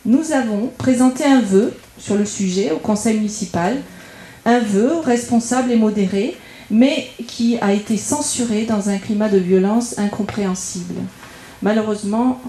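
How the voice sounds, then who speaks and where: A woman's mid-range, dark-toned voice moves at normal speed as she, a local campaigner from France with a French accent, delivers a prepared political speech. The setting is an echoey indoor meeting room at a public debate, and she argues methodically, enumerating each point.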